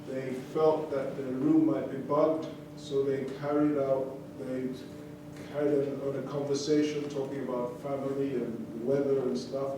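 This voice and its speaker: Between songs at a concert venue, a mid-range-voiced man tells the live audience his life story, talking loosely with fillers and restarts. The hall recording is distant and echoey, carrying background noise and crowd ambience.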